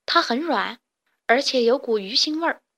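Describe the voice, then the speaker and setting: A woman's voice: sits high, expressive, moderate pace, pushed and bright, heavily acted. A woman voicing a chirpy little alien chick. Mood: lively. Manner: chirpy, eager and a bit proud. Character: cheerful young male alien chick student. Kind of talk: storybook character voice.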